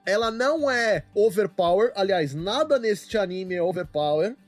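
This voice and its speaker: Man, Brazilian Portuguese accent, podcast host, laid-back slangy chat, high voice. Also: expressive, moderate pace, soft background music. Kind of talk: casual chat.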